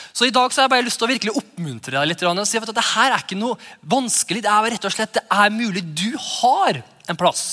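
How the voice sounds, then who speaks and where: Guy pastor giving a sermon, high bright voice, lively, lots of acted-out quotes. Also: long reverb tail. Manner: lively preaching with quoted dialogue.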